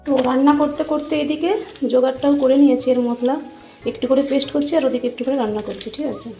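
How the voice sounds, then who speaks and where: Chatty woman, high voice. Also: quick pace, dark tone, reverberant, faint music behind. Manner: chatty, keeps asking "right?". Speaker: vlogger. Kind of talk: casual cooking vlog. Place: home kitchen. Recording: noisy home recording.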